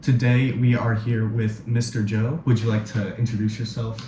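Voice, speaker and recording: A man's voice: mid-range voice, flat delivery, normal speed. Earnest male interviewer, roomy sound. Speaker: interviewer, channel host. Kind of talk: interview questions. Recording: roomy and noisy.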